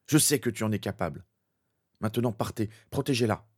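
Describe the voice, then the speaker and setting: A man's voice: lowish voice, a little fast, darkish tone, close to an everyday voice. A man voicing a brave young wizard hero in a fan fiction reading, earnest and determined. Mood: resolute.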